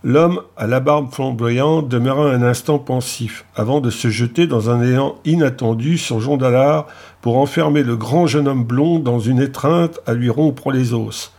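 A man narrating an audiobook in a steady, measured reading. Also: mid-range voice.

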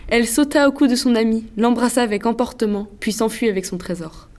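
A woman giving a measured, scripted narration of a classic story. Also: on the high side, a little mellow.

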